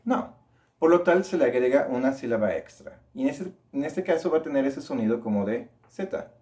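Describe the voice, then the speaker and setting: A man teaching English pronunciation, explaining sounds and repeating model words slowly for learners to copy. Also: mid-range voice, animated, a little mellow. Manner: slow, drawn-out model words repeated for practice.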